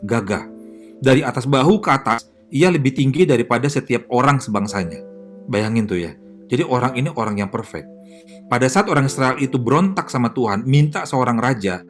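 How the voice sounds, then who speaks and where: Male pastor, mid pitch, conversational sermon delivery, frequent fillers, faint guitar underneath. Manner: lively, chatty preaching with audience questions; filler-heavy, self-correcting delivery.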